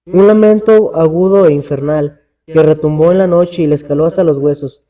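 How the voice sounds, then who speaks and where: A man, co-hosting and telling a horror story in a dramatic, measured way. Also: on the high side, warm tone, highs cut off. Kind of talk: storytelling narration in casual talk.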